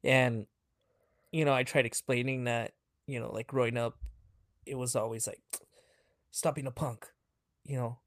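Gravelly man in his thirties chatting. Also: medium pitch, fairly even intonation, measured pace, pauses often, no echo, studio quality. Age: 30s. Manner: rambling, laughs often, quotes others in a hushed voice. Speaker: podcast co-host. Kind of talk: casual chat.

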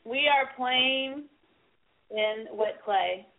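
A woman's voice: high voice, drawn-out words, gravelly. A woman co-host on speakerphone, bantering and giggling teasingly. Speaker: show co-host. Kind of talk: casual banter. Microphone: phone on speaker. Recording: tinny phone line.

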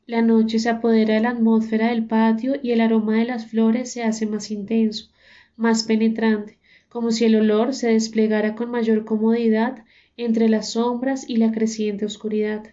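A woman narrating a dark story in a slow, deliberate reading. Her voice is fairly high, with a warm, dark tone and little movement in pitch. The recording is dull and muffled. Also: little pitch movement.

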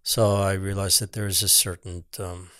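On a casual podcast, a male sculptor from the United States reflects on his work as a guest, frequently starting his sentences over. He has a deep, smooth, sharp-toned voice, level and at normal speed, recorded at studio quality with no room sound.

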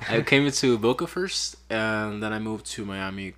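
A Peruvian photographer in his twenties chats casually as a podcast interview guest, rambling and dropping "like" again and again. His voice sits on the low side, and he speaks at a moderate pace in a relaxed way.

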